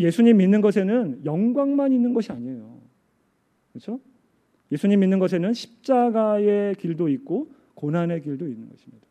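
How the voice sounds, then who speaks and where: A man preaching a sermon in a high, mellow voice. He is middle-aged and tells his stories with feeling, often pausing to check in with his congregation. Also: muffled recording. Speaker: pastor.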